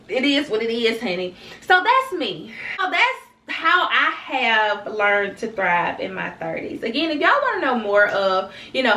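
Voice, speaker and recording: Bright, chatty vlogging woman in her thirties. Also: on the high side, roomy sound, far from the mic. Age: 30s. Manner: candid, chatty, addresses viewers as y'all. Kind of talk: casual talk to camera.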